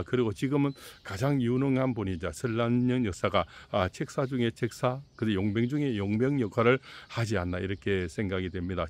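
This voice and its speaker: A middle-aged man holds forth in a rambling political commentary, his voice sitting low. He keeps stopping to ask rhetorical questions and fills his pauses with drawn-out hesitations. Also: darkish tone. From South Korea. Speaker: fortune-teller commentator.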